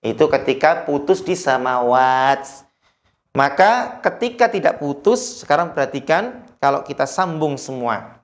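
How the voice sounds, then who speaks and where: In this recorded lesson, the teacher of Quran recitation is animated, slowing down to chant verses in a higher register and switching to a lower voice to explain the rules at speed.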